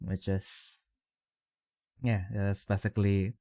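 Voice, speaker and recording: A man's voice: on the low side, level tone, takes it slowly, mellow, dry recording, clean studio sound. A young man with an Indonesian accent chatting casually as a podcast co-host, rambling through fillers and restarts. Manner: rambling, many fillers and restarts, chuckles often.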